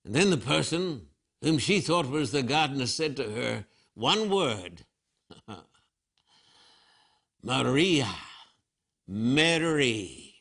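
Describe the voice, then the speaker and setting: An older man preaching a sermon as pastor, telling the story with animated storytelling and acted-out quotes. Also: medium pitch, unhurried, creaky, slightly rough.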